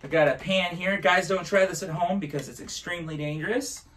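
A man in his thirties hosts like a kids' party magician. His voice sits slightly high, and he talks as an encouraging showman with playful exclamations. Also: brisk, a bit bright. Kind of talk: live show presenting in a kids party magician manner.

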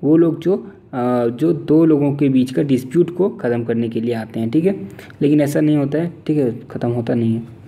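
A man with an Indian accent teaching an exam-prep vocabulary lesson. He reads English definitions out slowly, then explains them in Hindi and keeps checking in with "theek hai". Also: medium pitch, gravelly, narrow, tinny audio.

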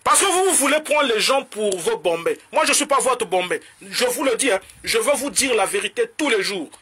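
A man from the Republic of the Congo with a Congolese French accent, delivering a heated political rant to camera in a combative, mocking way and switching languages in rapid bursts. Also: extremely high pitch, animated, pushed and bright. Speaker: political commentator.

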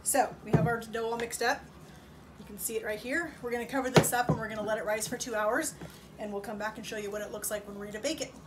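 A woman's voice: a little high, fairly even intonation, quick pace, background noise. A woman giving a casual cooking demonstration in a kitchen, explaining each step in a chatty, upbeat way. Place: home kitchen.

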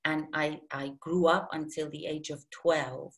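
A woman's voice: sits low, level tone, a little slow, creaky, a bit bright. A woman who grew up in Iran, a guest talking casually and animatedly with many restarts. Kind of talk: casual interview talk.

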